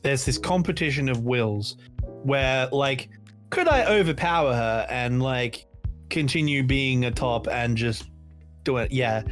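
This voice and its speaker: A man's voice: medium pitch, a little slow. An Australian man in his late twenties with an ordinary mid-range voice, telling stories and explaining at length in a loose podcast chat. Faint music plays under him. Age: 20s. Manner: animated storytelling, explaining at length. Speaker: podcast co-host.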